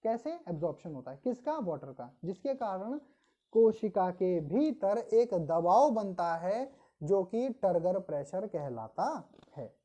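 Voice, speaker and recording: A woman teaching biology for an exam-prep class, reading English definitions slowly and explaining them in Hindi, asking the class questions and answering them herself. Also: medium pitch, sing-song, mellow. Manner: addresses students as "beta". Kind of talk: online coaching lecture in Hindi mixed with English terms.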